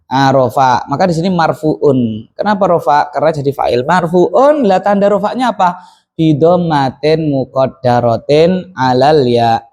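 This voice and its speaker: High-voiced man teaching a class. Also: darkish tone. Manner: questions the class, answers himself, mixes in Javanese words. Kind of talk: classroom lesson on Arabic grammar.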